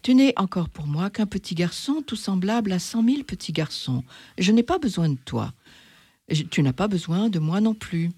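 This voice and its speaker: Musing storybook fox, read aloud: weary, wise, confiding, husky, dropping to whispers. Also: mid-range voice, expressive, moderate pace, darkish tone, no echo. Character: wise, weary fox who longs for a friend. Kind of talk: reading aloud in two voices.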